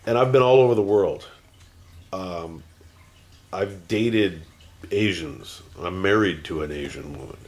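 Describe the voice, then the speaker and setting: Filming himself at home, this vlogger in his forties talks without a script, full of fillers and false starts, and grows heated and ranting while teary-eyed. He has a low, darkish voice, unhurried and broken by frequent pauses.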